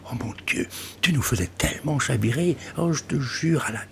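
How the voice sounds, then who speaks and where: A man voicing a shy, excitable young woman flutist who talks breathlessly and often drops to a whisper in this audiobook. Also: mid-range voice, normal speed, gravelly, slight background noise, voice pushed up. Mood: starstruck.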